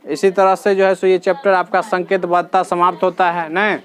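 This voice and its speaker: A man's voice: high-pitched, completely flat delivery, normal speed. A male teacher, patiently walking his students through reasoning questions in a classroom and repeating each answer.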